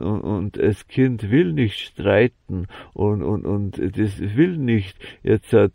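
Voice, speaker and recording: A man giving a slow, halting spiritual monologue, full of fillers and restarts. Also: on the low side, vocal fry, mellow, no echo, clean studio sound. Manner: halting, many fillers and repeated "ja"; slow, ponderous musing.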